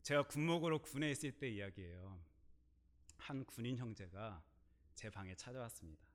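A middle-aged male pastor preaching a sermon, telling a personal story and swinging between quiet asides and loud, emphatic bursts. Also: medium pitch, expressive, normal speed.

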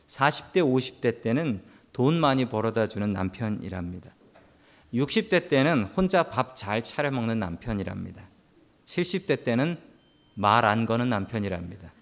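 A male pastor preaching a sermon, telling stories with humorous asides to the congregation. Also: mid-range voice.

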